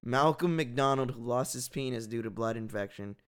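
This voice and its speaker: A man's voice: medium pitch, normal speed, clear, resonant tone. A man with an American accent hosting a casual, profane chat show, riffing on odd news like a frat bro. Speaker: talk show host reading out odd news.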